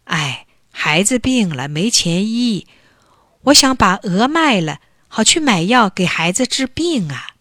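A woman's voice: medium pitch, sing-song, a little slow, a bit bright, dry recording, studio quality. A woman voicing a poor peasant mother who speaks sadly and sighs. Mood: sorrowful. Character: sorrowful peasant mother with a sick child.

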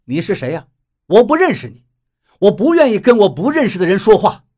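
A man voicing a scornful young man in an audiobook, speaking low and contemptuously. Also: very animated, fairly quick, a little mellow. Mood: cold.

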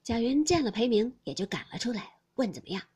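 A woman narrating a classic novel audiobook in an expressive storytelling manner. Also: a little high, fast, breathy edge.

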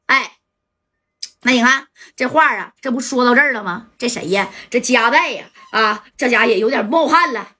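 A woman telling a gangland story in a chatty, lively way, with asides to the listener. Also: fairly high pitch, normal speed. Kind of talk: oral storytelling of gangland tales.

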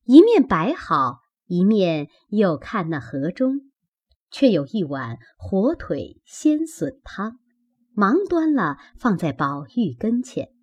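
A woman reading a classic novel aloud as audiobook narration, measured and expressive. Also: mid-range voice, breathy edge. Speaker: audiobook reader.

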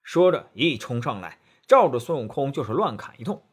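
A male storyteller narrates a children's tale with a lively, rising-and-falling voice. His tone is a little husky and breathy. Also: mid-range voice, fairly quick. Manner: expressive, animated telling.

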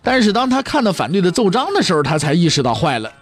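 A man's voice: high-pitched, very animated, quick pace, breathy edge, faint music behind. A man telling history in a comic pingshu storytelling style, full of jokey asides and rhetorical questions to his listeners.

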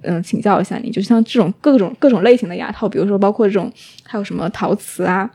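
A woman wearing clear braces, interviewing casually in wordy, filler-heavy, hesitant phrasing. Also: medium pitch, fast, dark tone.

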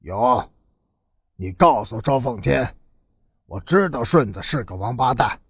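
A man reading a storybook voicing a stern, blunt young gang leader in a lowered, husky voice. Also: lively intonation, unhurried, no room sound, studio quality.

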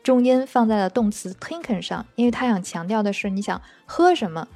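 A woman's voice: medium pitch, expressive, brisk, no room sound. A woman teaching German, chatty and explanatory, acting out example phrases as she goes. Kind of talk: explanatory language lesson. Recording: dry close recording with soft background music.

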